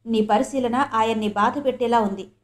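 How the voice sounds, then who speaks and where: A woman's voice: on the high side, fairly even intonation, normal speed, lightly acted. A woman voicing a stubborn middle-aged mother who speaks firmly in a storybook reading. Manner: firm, scolding.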